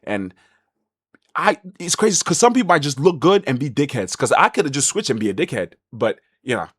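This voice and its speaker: Animated young man, lively slangy storytelling. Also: brisk, slightly rough, no echo, studio quality. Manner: animated, swings into high excited voice for quoted thoughts; slangy, loose and candid. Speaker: vlogger. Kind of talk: casual storytelling to camera.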